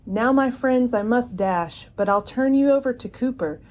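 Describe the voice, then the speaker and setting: A woman's voice: on the high side, moderate pace, a little mellow, slight background noise, close to an everyday voice. A woman voicing a welcoming cafe hostess who talks in sing-song rhymes, in a hobby audio story. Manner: sing-song rhyming speech.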